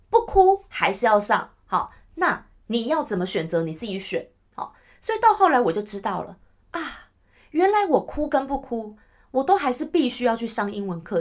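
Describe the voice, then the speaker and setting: Lively chatty woman podcast host. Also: a little high. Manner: chatty, animated, asks listeners "you know?". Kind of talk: casual solo podcast talk.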